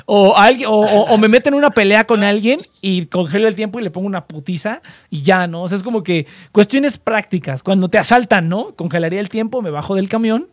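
A young man with a Mexican Spanish accent, co-hosting a casual podcast, animated and slangy, acting out little quoted voices. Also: high voice, a little fast, few pauses, no echo, studio quality. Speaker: podcast co-host. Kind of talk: casual chat.

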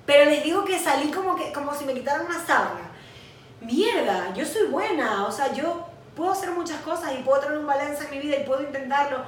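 Una mujer de unos veinte años con acento venezolano, copresentadora de un pódcast, que cuenta sus vivencias con franqueza y anima sus relatos imitando voces. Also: female voice, high voice, a little fast, very echoey, recorded from a distance, slight background noise. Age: 20s. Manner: candid, animated storytelling with acted quotes. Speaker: podcast co-host. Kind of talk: casual chat.

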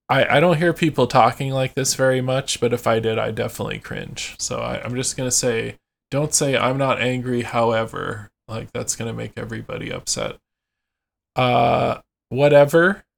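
A podcast host with a medium-pitched voice and vocal fry chats casually, reading out phrases and explaining them with plenty of fillers.

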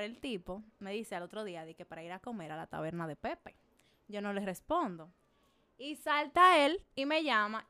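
A young Dominican woman telling a story in casual chat, acting out the lines of the people in it. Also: on the high side. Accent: Dominican Spanish. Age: young adult. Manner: animated storytelling, acts out quoted dialogue. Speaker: guest storyteller.

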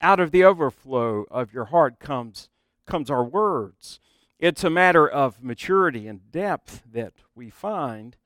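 Animated middle-aged male pastor preaching. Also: on the high side, measured pace, dry recording. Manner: conversational and animated, with asides to the congregation. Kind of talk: sermon.

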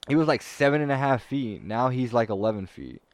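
A man's voice: medium pitch, expressive, fairly quick, a little mellow, no room sound. A young man chatting casually with friends in a slangy, profane frat-bro way. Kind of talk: casual chat among friends.

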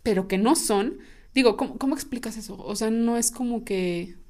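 A woman's voice: on the high side, moderate pace, mellow. Chatty Mexican woman, rambling. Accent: Mexican Spanish. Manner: rambling, many fillers, rising emphasis. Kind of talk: casual chat.

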